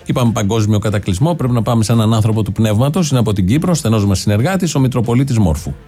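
A man's voice: fairly low pitch, expressive, warm tone, husky, soft background music. A man hosting a satirical show, commenting with mocking irony. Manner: mocking, ironic asides. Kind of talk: sarcastic commentary.

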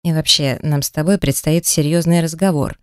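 A composed necromancer speaks in a low, unhurried, faintly mocking tone, as a woman reader plays him. The voice drops a little below her usual pitch and stays quiet and even. The sound is dry and close. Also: smooth, dry recording, lightly acted. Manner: calm, dry, slightly mocking. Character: calm, sardonic male necromancer. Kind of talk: audiobook character voice.

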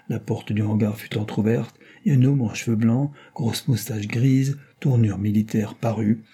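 A man reading a novel aloud as an audiobook narrator, with steady storytelling. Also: fairly low pitch, breathy edge. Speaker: audiobook reader. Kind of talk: scripted narration.

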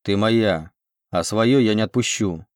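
A man's voice: on the low side, a little slow, no room sound, clean studio sound, natural voice. A man reading an audiobook, voicing a domineering, possessive male suitor who growls his commands.

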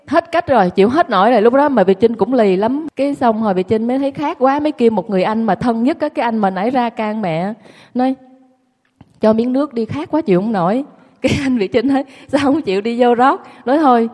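A woman's voice: fairly high pitch, darkish tone, big-room sound. A woman telling her childhood story to an audience in a candid, self-mocking way. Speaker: guest recounting her childhood.

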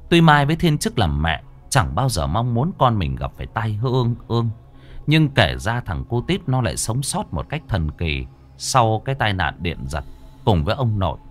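A man narrating a ghost story in a slow, somber way. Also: fairly low pitch, sing-song. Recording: faint music behind the voice.

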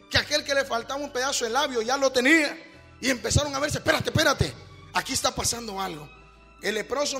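A male preacher giving a sermon, calling listeners brother and rising to shouts. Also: very high voice. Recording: long hall reverb with faint music.

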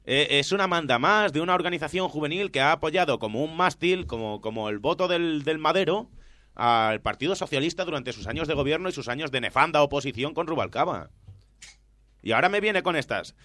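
A man's voice: on the high side, lively intonation, a little fast, bright, forceful tone, no room sound. A man hosting a satirical radio countdown, mocking and sarcastic. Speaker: radio host.

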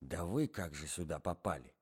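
A man's voice: deep voice, lively intonation, normal speed, husky. Guy doing a tense young dude, whispery and short with people. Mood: hushed tense. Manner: whispering, terse. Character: tense jealous young man, hushed and curt.

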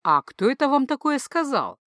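A woman's voice: sits high, sing-song, moderate pace, a bit bright, no room sound, studio quality, voice pushed up. A woman voicing a weary male magic-police chief who speaks with barely restrained irritation. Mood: irritated.

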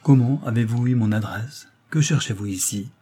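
A man reading aloud voices a proud, defiant young wife, raising his voice higher and speaking with haughty indignation. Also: normal speed, dark tone, slightly rough, lightly acted. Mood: indignant.

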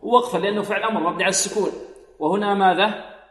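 Echoey Quran teacher quizzing a class. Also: male voice, high voice, fairly even intonation, a bit bright. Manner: questions the class and answers himself, chants verses slowly. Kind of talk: tajweed lesson with recited examples. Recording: echoey hall, voice a bit distant.

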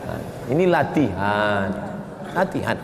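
A man giving a lively sermon, telling stories and breaking into chanted phrases. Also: on the low side, takes it slowly, heavy background noise. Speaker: preacher. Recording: echoey hall with faint ambience.

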